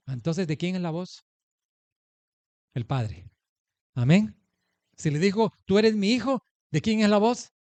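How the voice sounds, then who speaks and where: A man's voice: high voice, darkish tone, no room sound. Man, pastor, sermon, rhetorical questions, dry sound. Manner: emphatic preaching with rhetorical questions to the congregation. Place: church in the United States.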